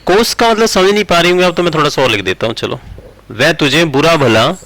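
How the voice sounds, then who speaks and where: Bright male teacher. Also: fairly high pitch, expressive, dry recording, low-quality recording. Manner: slow word-by-word dictation, repeating phrases. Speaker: English teacher. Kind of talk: explaining grammar while writing examples.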